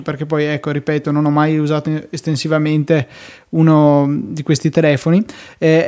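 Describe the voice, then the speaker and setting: A man's voice: fairly high pitch, a little mellow. A man on a casual tech podcast, offering tentative opinions that he carefully qualifies.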